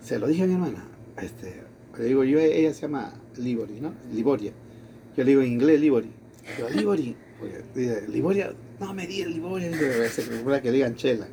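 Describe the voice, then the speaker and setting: A man's voice: mid-range voice, fairly quick, noisy background. A man from Latin America casually telling a personal story, acting out the quoted dialogue. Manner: animated, acts out quoted dialogue. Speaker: storyteller in conversation.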